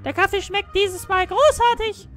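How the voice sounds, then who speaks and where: A woman doing a high, gushing ghost mother. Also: moderate pace, a bit bright, soft background music. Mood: fond.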